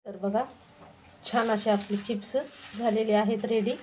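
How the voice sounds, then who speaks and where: A woman's voice: medium pitch, level tone, a little slow, warm tone, a little hiss or hum. A woman with a Marathi accent hosting a home cooking channel, demonstrating a recipe step by step in a homely, instructive way. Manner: homely, instructive, repeats "तर हे बघा".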